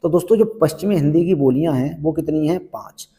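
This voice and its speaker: In an exam prep lesson, a male Hindi teacher goes through practice questions one at a time, repeating each question and its answer for emphasis. His voice is a little high and mellow, he talks fast, and the recording has a big-room sound.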